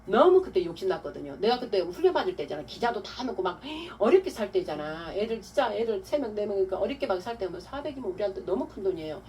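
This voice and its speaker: A woman pastor giving a testimony-style sermon, telling her story with animated, acted-out quotes. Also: medium pitch, fast talker, few pauses. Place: church hall. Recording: distant mic with faint room noise.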